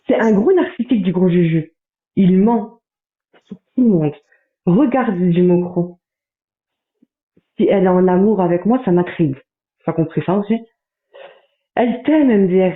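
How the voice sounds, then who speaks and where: A man on a livestream, reading out chat messages in a running commentary with quick asides. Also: high voice. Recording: tinny phone-like sound in a roomy space.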